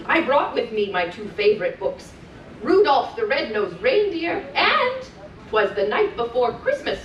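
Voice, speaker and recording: A woman playing a cheerful, gentle Mrs. Claus, reading rhymes to children in a sing-song, encouraging way with chatty asides. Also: on the high side, sing-song, measured pace, lo-fi sound. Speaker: character storyteller at a children's event. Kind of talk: live storytelling to children, rhymed picture-book reading. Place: indoor room on a cruise ship. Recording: distant mic, roomy echo, faint noise.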